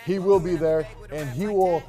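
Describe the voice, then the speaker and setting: A man's voice: on the high side, moderate pace, dark tone, soft background music. A man co-hosting a comedic festival infomercial, announcing acts in a mock-dramatic, repetitive and profane way.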